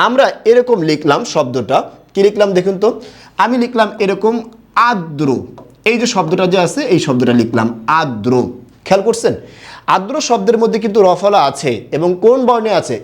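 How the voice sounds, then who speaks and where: A man's voice: high voice, a little mellow. A man teaching a Bangla grammar and pronunciation lesson, asking the class questions, answering them himself and spelling words out letter by letter. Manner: asks the class questions then answers them, repeats key points.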